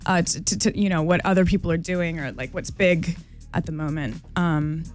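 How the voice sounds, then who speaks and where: A woman's voice: lowish voice, moderate pace, darkish tone, soft background music. A woman from New York, chatting as a DJ guest on a radio show, giggly and full of fillers and restarts. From New York, USA. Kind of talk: casual radio interview. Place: radio studio.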